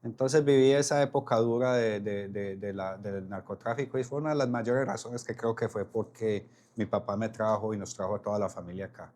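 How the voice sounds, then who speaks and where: A man's voice: lowish voice, brisk, hardly any pauses, darkish tone. A man, a podcast guest telling his story with frequent restarts and repeated words. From Colombia. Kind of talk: casual interview conversation.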